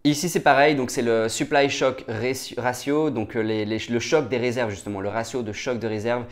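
A man's voice: mid-range voice, fairly even intonation, normal speed. A man, casually talking through price charts as a market analyst, with frequent fillers, restarts and check-in questions. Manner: many fillers and restarts, asks "d'accord?" often.

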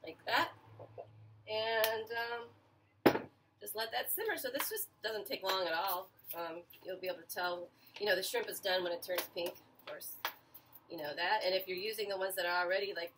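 Cooking in her small home kitchen, a forties-aged woman chats with viewers of her casual show, full of fillers and self-corrections. She has a mid-range voice at normal speed, recorded by a camera mic a few feet off, with a noisy background of clattering pans.

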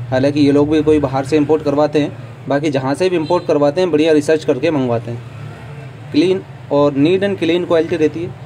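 A chatty man with a mellow, steady voice on the high side tours a stall at a busy indoor trade show, talking fairly quickly while holding a phone camera as he walks. The audio is poor with a little hiss or hum. He treats viewers like friends and throws in opinionated asides during this casual walkthrough vlog.

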